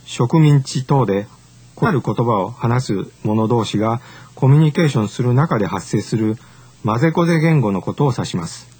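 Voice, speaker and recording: Husky-voiced man giving a formal lecture. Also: medium pitch, darkish tone. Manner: measured, formal and explanatory. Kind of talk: scripted lecture narration.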